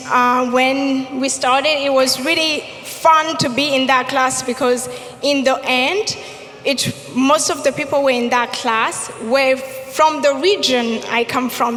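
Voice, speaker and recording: A woman's voice: high-pitched, fairly bright tone. A woman answering as a panelist at a live community event, hesitant with many ums. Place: event stage. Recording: echoey hall reverb.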